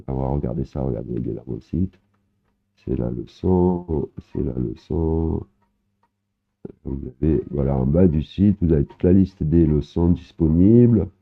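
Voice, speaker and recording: A man with a very low voice talks through an informal language lesson. He often stops to hesitate, repeats his examples, and adds little "hein"s. The sound is narrow and tinny, like it comes through a phone line. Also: creaky. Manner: explains slowly, repeating words, with many hesitations and filler "hein". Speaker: Thai language teacher. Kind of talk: casual online lesson explaining vocabulary.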